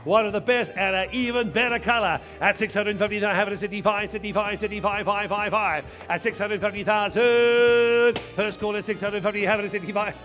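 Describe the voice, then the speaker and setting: A man's voice: sits high, fairly even intonation, fairly quick, few pauses, fairly bright tone, soft background music. A man working as an auctioneer, calling bids live in a repetitive chant of numbers and filler phrases.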